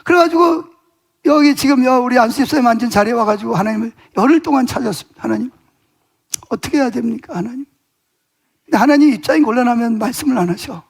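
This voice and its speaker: High-voiced pastor telling a lively sermon story. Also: male voice, very fast, creaky. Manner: animated storytelling, acting out dialogue with God and others. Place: church sanctuary.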